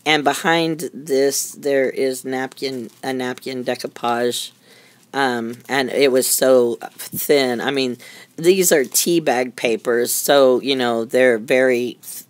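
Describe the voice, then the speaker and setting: In a very deep voice and a dry recording, a middle-aged craft maker chats casually at her indoor craft desk, showing off her handmade journals. She rambles and is easily amused.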